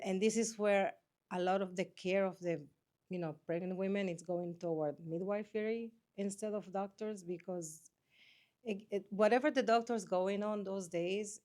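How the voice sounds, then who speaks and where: Earnest interview guest, a woman, somewhat low voice. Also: darkish tone. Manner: earnest, repeats and restarts phrases. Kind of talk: conversational interview.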